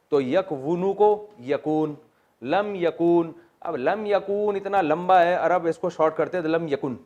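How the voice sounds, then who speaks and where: A middle-aged man, teaching Quranic Arabic grammar. He spells out word forms slowly, repeats them, and drops in joking asides. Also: fairly high pitch, a little mellow, muffled recording. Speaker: religious teacher.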